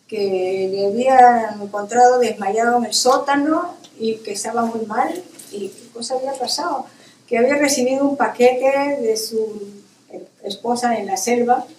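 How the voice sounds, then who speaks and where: A Peruvian woman author tells her story at a book fair. She laughs often, her voice sits a touch high and carries from off the mic. The room adds a roomy echo and faint noise. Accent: Peruvian Spanish. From Peru. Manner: laughs while telling, animated quotes. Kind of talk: telling a personal story. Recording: roomy hall, mic from a distance.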